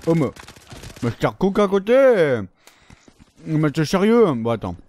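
A man commentating his own gameplay, excitable, swearing often and yelping at the game, talking with his mouth full. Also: fairly high pitch, a little slow, a little hiss or hum. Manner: excitable, swears a lot, shouts and yelps at the game. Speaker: gaming YouTuber.

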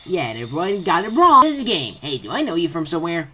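A woman giving excitable gameplay commentary, blurting out reactions and reading game dialogue aloud. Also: on the low side, fast talker, slight background noise. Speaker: gamer recording gameplay.

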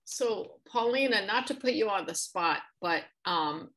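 A middle-aged woman moderating a webinar from a home office, reading out audience questions in a measured way. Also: medium pitch, lively intonation, fairly bright tone. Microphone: video call.

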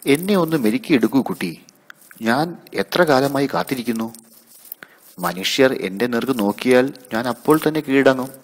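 A man voicing a small puppy that pleads softly to be tamed. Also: mid-range voice, lively intonation, normal speed, big-room sound, pitched above the performer's own voice, lightly acted. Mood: pleading. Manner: soft pleading.

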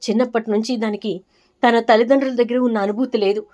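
Earnest pleading son, read by a woman, higher voice. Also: fairly even intonation, fast, a little mellow, close to an everyday voice. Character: grown son, pleading and reasoning with mother.

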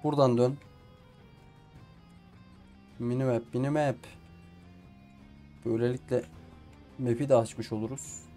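A man's voice: medium pitch, fairly even intonation, measured pace, long pauses, warm tone, faint music behind. A man playing a survival game and commenting casually, swearing at the game and talking to himself and the characters on screen. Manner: frustrated, swears at the game often. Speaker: gameplay streamer. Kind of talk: casual let's play commentary.

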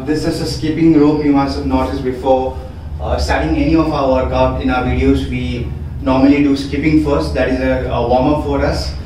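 A man in his thirties talks through fitness equipment as a trainer, calmly explaining each item. His voice bounces around a small, very echoey room. He stands away from the camera mic, so he sounds distant. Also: medium pitch. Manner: explanatory, repeats "we do have". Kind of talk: equipment walkthrough. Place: small room in a home gym.

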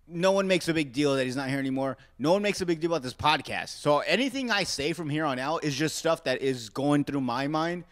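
Podcast host, man from Arizona, bright tone, lively pitch; rambling and self-mocking. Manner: rambling, self-mocking, talks straight to listeners. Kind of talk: casual solo podcast rant.

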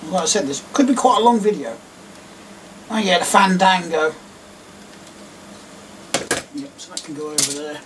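A man's voice: sits high, moderate pace, long pauses, heavy background noise. Chatty English man, far from the mic. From England. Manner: rambling, chatty, self-mocking, with chuckles. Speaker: diecast collector vlogger. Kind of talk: casual narration while sorting toys. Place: at a desk indoors. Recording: distant mic with clicks and clatter.

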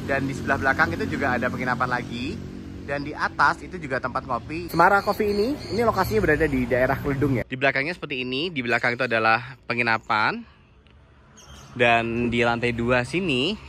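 A man with a mid-range voice, heard over background noise, narrates a casual walk-through of a mountain cafe and lodging on a handheld phone. As a vlogger touring the place inside and out, he's friendly and informal, pointing things out as he walks.

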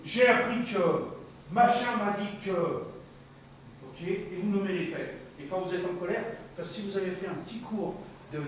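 A man giving a lively, colloquial talk to parents at a conference, speaking straight to the audience and often repeating his words. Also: a little high. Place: conference hall. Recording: very echoey hall, distant from the mic, faint noise.

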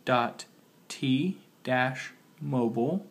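A man's voice: mid-range voice, drawn-out words. A man with a mid-range voice hosts a casual how-to for a phone. He sounds sick and slightly muffled. He talks while he works, going step by step and carefully spelling things out. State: sick with a cold. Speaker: tutorial host.

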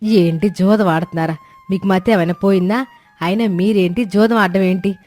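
A woman's voice: medium pitch, fairly even intonation, normal speed, a little mellow, soft background music, natural voice. A woman voicing a long-suffering, devoted wife and mother who pleads with her drunk husband. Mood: pleading.

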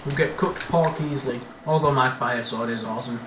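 A man's voice: medium pitch, a little fast. A young man hosting casual gameplay chat, joking, laughing and swearing freely. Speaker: gaming channel host. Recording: echoey, far from mic, noisy.

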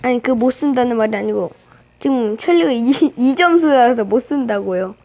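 High-voiced woman narrating her gameplay. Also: lively intonation, normal speed, creaky, a little mellow, highs cut off. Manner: playful, teasing trash talk at opponents. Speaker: gaming channel host. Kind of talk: live game commentary.

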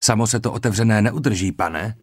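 Cool, methodical Roman army surgeon, voiced by a male reader, low and steady, dry audiobook sound. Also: husky, dry recording. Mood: measured. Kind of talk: audiobook character reading.

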